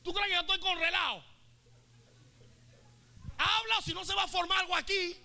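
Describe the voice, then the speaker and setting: A preacher playing a fiery, hot-tempered Mary Magdalene. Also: female voice, very high voice, fairly even intonation, normal speed, voice pushed up, exaggerated voice. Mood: threatening. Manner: shouting, demanding, street-tough.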